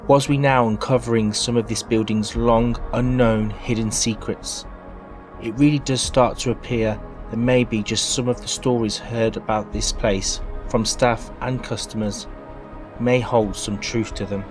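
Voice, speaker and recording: A man's voice: mid-range voice, fairly even intonation, a little slow. A man reading scripted documentary narration in a dramatic, suspense-building way. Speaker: presenter and narrator. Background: music under voice-over.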